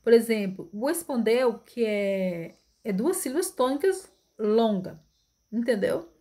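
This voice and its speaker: A woman's voice: a little high, lively intonation, a little slow, warm tone. Chatty woman teacher. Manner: explains step by step, often adds tag questions and restarts. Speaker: literature teacher. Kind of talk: informal online lecture. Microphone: phone screen recording.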